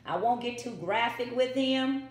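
Fairly high-pitched and measured, this middle-aged vlogger talks casually to viewers of her home cooking vlog, repeating her catchphrases. The echoey kitchen recording comes from a phone mic on the counter and carries a little hiss or hum.

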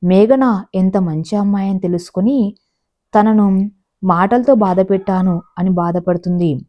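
A woman narrating a family drama story in a plain, steady storytelling manner. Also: medium pitch, unhurried, muffled recording.

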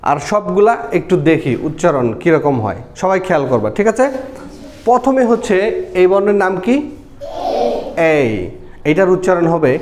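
High-voiced Bangladeshi teacher drilling letter sounds. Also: male voice, a little mellow. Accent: Bangladeshi Bengali. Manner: asks pupils questions, repeats sounds slowly. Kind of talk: classroom phonics lesson.

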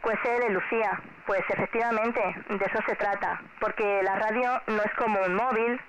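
A woman's voice: medium pitch, fairly even intonation, moderate pace. A middle-aged woman with a Spanish accent from Spain, chatting over amateur radio in a friendly, encouraging way and often repeating herself. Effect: two-way shortwave radio transmission. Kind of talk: casual radio contact chat addressed to a child. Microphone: heard through a radio transceiver speaker. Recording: noisy, muffled amateur radio signal.

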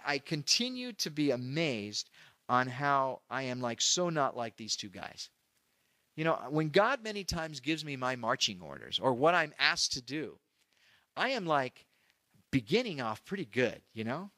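A man's voice: medium pitch, big pitch swings, a little slow, sharp tone, dry recording. A middle-aged male pastor teaching through a Bible passage verse by verse, in a conversational way that acts out the people he quotes. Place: church.

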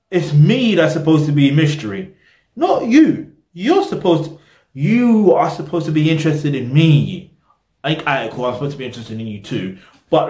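A man's voice: on the high side, a little mellow. A young man, hosting a reaction video, talking casually to the camera in a small room, rambling and losing his train of thought. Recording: roomy echo.

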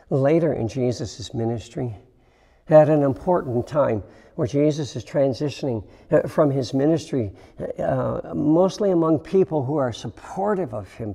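A man preaching a sermon as pastor, slow and reflective, with dramatic pauses and hushed emphasis. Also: mid-range voice, expressive, vocal fry. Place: church sanctuary. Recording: long reverb of a church hall.

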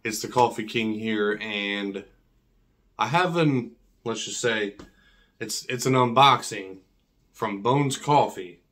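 Slow and fairly bright, this lowish male voice belongs to a coffee vlogger in his thirties, leaving long pauses as he presents an unboxing. His talk is casual and full of slang and repetition, and his s sounds whistle. The recording has clear background noise and clicks.

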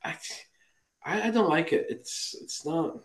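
A man giving interview answers in halting speech, with uneven volume that drops away and then comes back loud. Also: on the high side, reverberant. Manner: halting, many fillers and restarts. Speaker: interview guest. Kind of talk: remote conversational interview answer.

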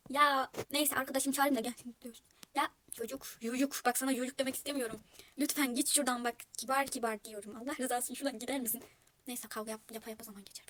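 A woman's voice: high voice, a bit bright, a little hiss or hum. A woman hosting a casual game role-play video, chatting in an exasperated way and often dropping to a whisper. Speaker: video host.

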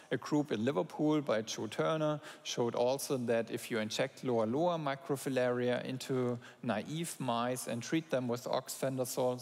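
A middle-aged man giving a scientific conference talk on stage in a measured, explanatory way. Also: mid-range voice, darkish tone. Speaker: conference presenter. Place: large lecture hall, standing on stage. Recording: long hall reverb.

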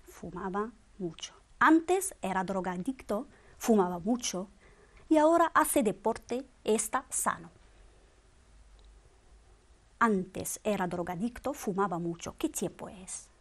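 A woman's voice: medium pitch, animated, slow, long pauses. A woman teaching a grammar lesson, drilling verb forms one by one with patient quiz questions. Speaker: Spanish teacher.

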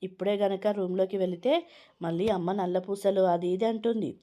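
A flustered young man who rushes out his excuses, read aloud by a woman. The voice stays mellow, and it is the voice of a storybook reading. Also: mid-range voice, fairly even intonation, close to an everyday voice. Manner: hurried and evasive.

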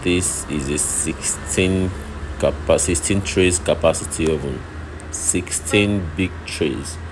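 Guy with a low voice showing off an oven on his phone, lots of noise around. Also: slow. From Nigeria. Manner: explaining step by step, repeats himself. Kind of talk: walkthrough narration while filming. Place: workshop and outdoor street site. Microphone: phone held while filming. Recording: phone video with loud background noise.

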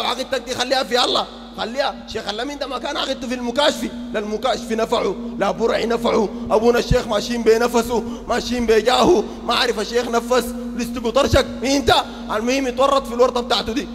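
Fast, gravelly high-voiced Sudanese preacher. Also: male voice, in a large hall. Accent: Sudanese Arabic. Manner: mocking, combative preaching with loud outbursts. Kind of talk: open-air sermon.

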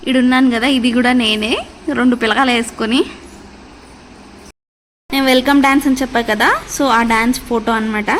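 A woman's voice: on the high side, steady tone, a little fast, long pauses, a bit bright, slight background noise. A young adult woman chatting casually in a family vlog, reminiscing with playful asides. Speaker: family vlogger.

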